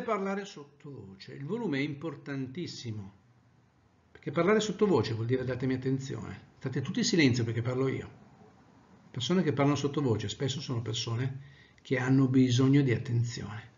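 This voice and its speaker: A male trainer giving an animated lecture, swinging from loud to soft to demonstrate tone. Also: mid-range voice, dull audio. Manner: animated, varies volume widely, demonstrates tones of voice.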